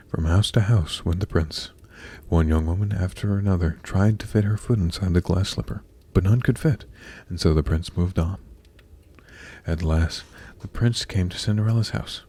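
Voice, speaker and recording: A man calmly narrating a fairy tale as a soft ASMR bedtime reading. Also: deep voice, moderate pace, husky. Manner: calm, soft bedtime delivery. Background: crackling fire.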